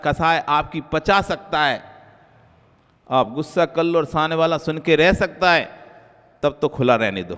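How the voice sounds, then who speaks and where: Male Jain monk, sermon delivery, slightly high pitch, sudden drops to soft asides then raised emphasis, long hall reverb. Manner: repeats key phrases for emphasis; swings between soft low asides and raised emphatic lines.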